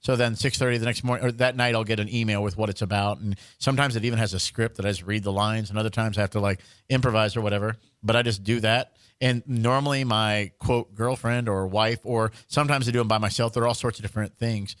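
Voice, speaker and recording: A man's voice: steady tone, quick pace, hardly any pauses, a bit bright, no room sound. Podcast co-host, male, storyteller type with a goofy radio-DJ impression on tap; dead-dry mic. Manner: chatty storyteller, slips into a booming radio-DJ voice. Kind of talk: casual comedic chat.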